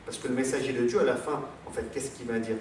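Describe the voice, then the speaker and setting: A man's voice: medium pitch, fairly even intonation, fast talker, darkish tone, a little hiss or hum. A French-born man giving a religious lecture in a rambling, digressive way, with many fillers and repeated words. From France. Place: large echoey hall. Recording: echoey hall, voice from far off, faint background ambience.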